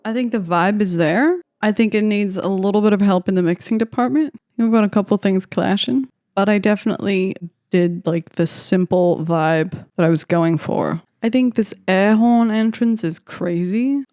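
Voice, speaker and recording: In a dry, studio-quality recording, a woman producer with a medium-pitched, dark voice gives rambling, casual vlog commentary while making a beat. Her talk is full of "like" and playful asides.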